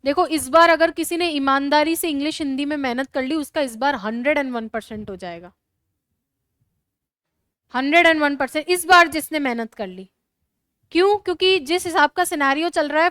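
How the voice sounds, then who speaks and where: A woman teacher with a Rajasthani Hindi accent, giving a classroom lecture in a brisk, scolding way and urging students to write fast. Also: high voice, fairly bright tone, no echo.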